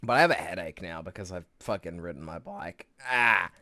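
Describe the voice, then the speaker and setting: A man's voice: low voice, expressive, brisk, bright, forceful tone, no echo, studio quality. A young man giving casual live commentary on his gameplay, rambling and swearing, a bit out of breath. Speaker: streamer.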